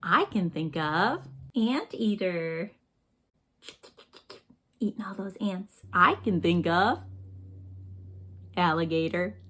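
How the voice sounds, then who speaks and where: A woman teacher speaking gently and in a sing-song way to young children during a lesson. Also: lowish voice, animated. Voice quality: slow, gentle and sing-song, addressing kids.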